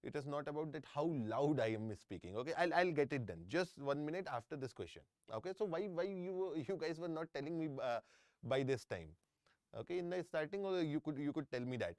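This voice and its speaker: Animated and brisk, a middle-aged man with an Indian English accent teaches a live online engineering exam class, repeating himself and checking on students often. His voice is on the high side with a darkish tone. The close-mic recording is studio quality with no room sound.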